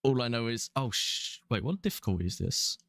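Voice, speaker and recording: In casual live-stream commentary, a young man from England with a London accent chats, rambles and chuckles while gaming. He's in his twenties, with a medium-pitched, sing-song, fairly bright voice and a brisk pace. The studio sound is clean, with no room sound.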